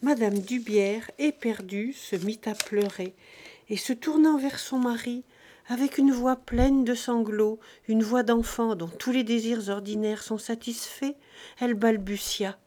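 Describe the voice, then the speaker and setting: A woman narrating a classic story in a slow, deliberate audiobook reading. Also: on the high side, warm tone, slight background noise.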